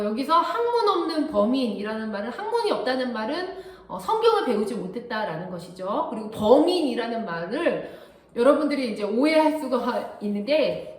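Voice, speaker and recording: A woman preaching to a youth group in a church, unpacking scripture with an animated, storytelling delivery. Her voice sits high and swoops widely, and the echo of the room carries around her. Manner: explains Bible text simply for teens, lively storytelling. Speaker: youth pastor. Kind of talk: sermon.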